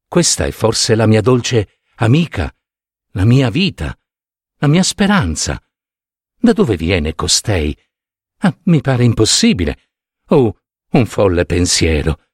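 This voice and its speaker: A man's voice: on the low side, huge pitch swings, takes it slowly, long pauses, husky, no room sound, clean studio sound, exaggerated voice. A man voicing an earnest young knight who speaks with fervent courtly devotion. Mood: longing. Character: noble young male knight, lovestruck and earnest.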